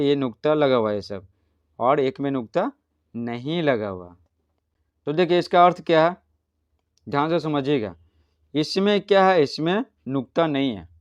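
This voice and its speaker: Man teaching a lesson, smooth and dry. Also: medium pitch, no room sound, lo-fi sound. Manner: patient, asks questions and answers them himself. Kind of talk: explaining a school textbook lesson.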